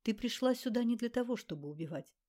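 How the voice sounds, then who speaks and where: A woman reading a calm, firm village woman. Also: a little high, fast, pitched above the performer's own voice. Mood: steady. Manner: calm, then curt orders.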